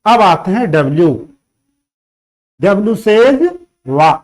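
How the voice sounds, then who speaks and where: Speaking slowly in a high, lively voice, a man teaches introductory phonics in Hindi. Letter sounds get repeated again and again, and he checks in with listeners often.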